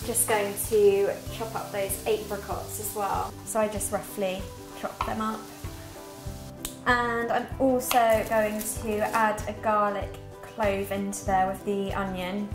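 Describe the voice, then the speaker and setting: A young British woman in her twenties, a cookbook author appearing as a guest cook, chats upbeat through a recipe step by step while cooking in a home kitchen. Her voice is medium in pitch with a flat delivery and a slow pace. The kitchen sounds roomy, with music playing behind her.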